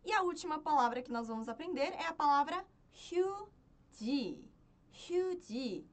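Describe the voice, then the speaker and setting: Female language teacher, animated and high-pitched, chants syllable drills patiently. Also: normal speed. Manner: patient, repeats and checks with "certo?". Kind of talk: spoken lesson, chanting syllables.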